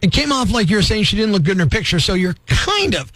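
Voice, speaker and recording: High-voiced excitable radio host man. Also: fast, no echo. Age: 50s. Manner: excitable, joking, laughs often. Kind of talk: morning radio call-in segment. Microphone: studio microphone.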